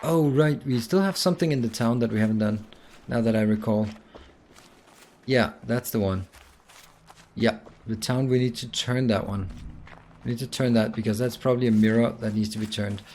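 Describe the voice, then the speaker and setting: A man's voice: medium pitch, normal speed, darkish tone, slight background noise. Man thinking aloud over a puzzle game. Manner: thinking aloud, muttering, self-mocking. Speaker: gaming video host. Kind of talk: blind puzzle game let's play.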